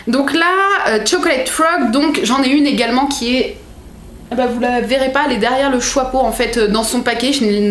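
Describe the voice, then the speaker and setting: A young woman chatting as a book vlogger, excitable and full of fillers. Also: on the high side, slight background noise. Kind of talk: casual unboxing chat. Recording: echoey room.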